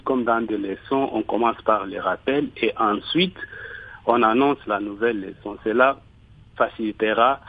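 Male caller, measured and polite, over a tinny phone line. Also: fairly low pitch, no echo. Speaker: caller, parent and teacher. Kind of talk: call-in comment. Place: bedroom at home.

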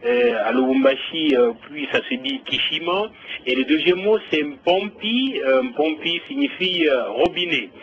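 A man's voice: on the high side, sing-song, moderate pace. A man, reporting live as a radio correspondent, hesitant with many fillers and restarts. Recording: dull lo-fi radio link.

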